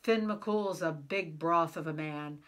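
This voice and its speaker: A woman's voice: low-pitched, slow pace. A woman voicing a clever, sweet-talking wife as she reads a storybook aloud, soothing and sly.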